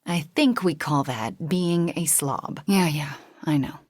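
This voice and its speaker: A powerful young witch superheroine from a video game, haunted by guilt and guarded yet tender. Her voice is on the low side, breathy and husky, with measured, intimate phrasing that often sinks toward a whisper. The sound is close and very dry. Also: a little mellow, no room sound. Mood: conversational, earnest. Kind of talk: video game character voice lines.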